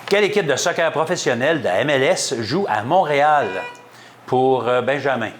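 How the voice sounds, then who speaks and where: Brisk Québécois quiz show host. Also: male voice, medium pitch, lively intonation, noisy background. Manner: brisk, quick-paced quizmaster, reads questions and rules on answers. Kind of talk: hosting a school quiz game.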